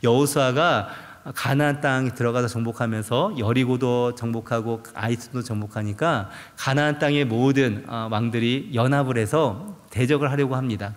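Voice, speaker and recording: A male pastor preaching a sermon, asking the congregation rhetorical questions and acting out quoted prayers. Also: medium pitch. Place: large church sanctuary. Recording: long church hall reverb.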